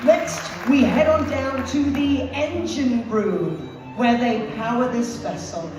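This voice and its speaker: A woman's voice: on the high side, takes it slowly, distant mic. A woman speaking as an upbeat cruise director, rallying a crowd from the stage with emphatic live introductions. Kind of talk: live stage announcing, introducing officers to an audience. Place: on stage in a cruise ship venue. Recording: echoey PA in a large hall, music and crowd. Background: music and audience noise.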